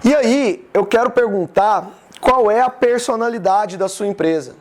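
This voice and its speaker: Man, thirties, Goiás accent, high-pitched voice, casual live business talk, chatty. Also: a little slow. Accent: Goiás Brazilian Portuguese. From Goiás, Brazil. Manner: casual, chatty, addresses the audience directly. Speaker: business speaker hosting a live session. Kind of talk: informal live talk to an audience.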